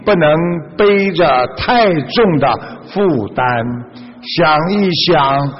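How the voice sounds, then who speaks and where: A man giving a Buddhist sermon, telling a parable and exhorting listeners slowly and earnestly. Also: a little high, lively intonation, breathy edge. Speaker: Buddhist preacher. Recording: dull reverberant lo-fi recording.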